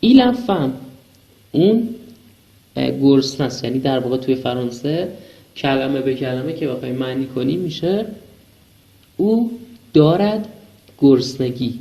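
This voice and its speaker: A man giving a recorded French lesson, slowly reading phrases and translating them word by word. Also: medium pitch, creaky, dark tone, rough recording. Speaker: French teacher.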